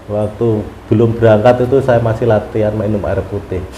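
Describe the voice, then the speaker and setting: A man telling a long story in a casual interview, animated, often laughing and acting out his prayers. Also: fairly low pitch, brisk. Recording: roomy room with faint ambient noise.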